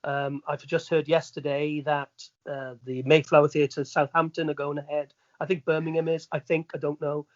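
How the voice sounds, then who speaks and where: A middle-aged entertainer from Wales, with a fairly high voice, is being interviewed and chats in a relaxed, anecdotal way, tossing little asides to the listener. He keeps a level tone at normal speed with few pauses. The recording is slightly dull but fairly dry, with no room sound.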